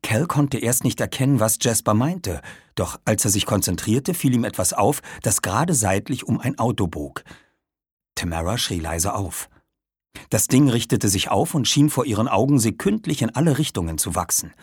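A man narrating an audiobook with lively, dramatic storytelling. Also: lowish voice, normal speed, slightly rough, dry recording, clean studio sound.

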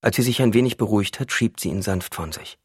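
A man narrating an audiobook in a steady, measured reading. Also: lowish voice, slightly rough, dry recording, clean studio sound.

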